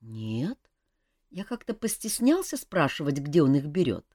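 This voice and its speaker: A woman doing a young elf prince, plaintive and sighing, a little higher than the reader's own low voice. His speech swings widely in pitch, and the recording is dry and close. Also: big pitch swings, measured pace, darkish tone, no room sound, heavily acted. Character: young male elf prince, glum and hungover.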